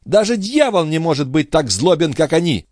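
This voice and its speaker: A man voicing an excitable, dramatic highborn countess in an audiobook. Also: moderate pace, no room sound, clean studio sound. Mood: distraught. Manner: exclaiming, theatrical.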